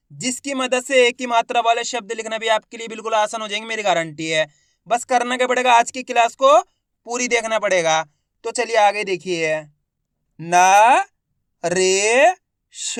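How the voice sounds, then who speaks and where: A man's voice: extremely high pitch, fairly bright tone, clear, resonant tone, no echo, clean studio sound. A man teaching reading: he sounds out each syllable, then blends them into whole words, and encourages viewers as friends. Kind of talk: slow spelled-out reading lesson.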